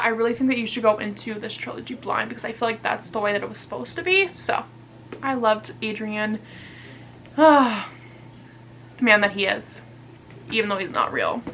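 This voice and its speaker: A woman's voice: a little high, fairly bright tone, a little hiss or hum, rough recording. A young woman chatting casually on her vlog, reviewing books in a gushing, chatty way and swearing freely. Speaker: book reviewer.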